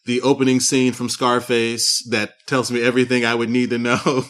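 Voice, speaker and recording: A male podcast host with a mid-pitched voice speaks in a casual way. He stammers and repeats words as he works toward his questions. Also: completely flat delivery, normal speed, a bit bright. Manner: stammering, repeats words while thinking aloud. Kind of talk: casual interview conversation.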